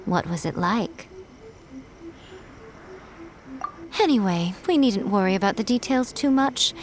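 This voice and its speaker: A woman's voice: medium pitch, expressive, moderate pace, lightly acted. A woman voicing a sly, elegant shrine guardian spirit in a video game, with an arch, playful, haughty drawl. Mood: composed, explanatory.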